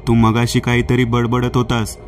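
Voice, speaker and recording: A man voicing a caring young wife who gently comforts her husband, in a flat storybook reading. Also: medium pitch, normal speed, faint music behind, natural voice. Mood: comforting.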